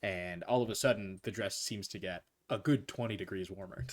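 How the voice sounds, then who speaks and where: A man's voice: fairly low pitch, fairly quick. A young man running a tabletop game as game master, narrating loosely with fillers and chuckles.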